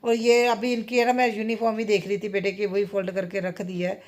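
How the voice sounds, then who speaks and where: A woman's voice: mid-range voice, level tone, a little fast. A woman in her thirties chatting casually in a home vlog, rambling and often adding tag questions. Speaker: vlogger and mother.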